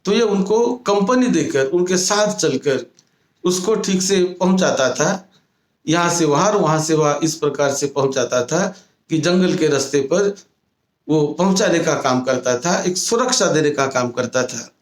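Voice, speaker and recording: A man, a Buddhist monk, telling a moral story in a sermon, retelling it slowly and often restating his phrases. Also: fairly high pitch, lively intonation, reverberant.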